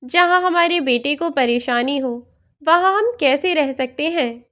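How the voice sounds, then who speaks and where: A woman voicing a calm, worried older father in a storybook tale, reasoning gently. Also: high voice, a little slow.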